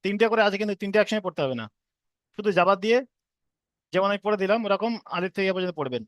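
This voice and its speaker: A man teaching an online class on reading letters, who chants drawn-out letter sounds between quick explanations. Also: high-pitched, lively intonation, fairly bright tone, no room sound, clean studio sound. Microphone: own microphone on an online call.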